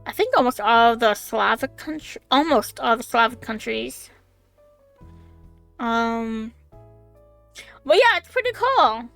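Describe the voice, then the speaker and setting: High, bright-voiced chatty young woman. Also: takes it slowly, creaky, pauses often, no echo. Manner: rambling, chatty, full of fillers and laughs; excitable, swears casually. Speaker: streamer. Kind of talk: casual chat on a live stream. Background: faint background music.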